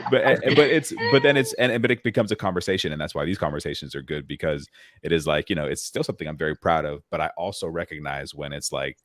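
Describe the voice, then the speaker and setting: Deep-voiced reflective man. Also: fast, a bit bright. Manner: thoughtful, reflective, many fillers. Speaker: podcast co-host. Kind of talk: casual panel discussion.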